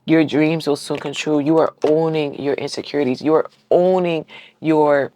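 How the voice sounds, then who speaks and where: A woman's voice: low voice, steady tone, moderate pace, warm tone, a little hiss or hum. A woman giving a casual collective tarot reading to her viewers. She talks in an encouraging, affirming way, keeps checking in with "right?", and is heartfelt, close to tears at times. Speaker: tarot reader.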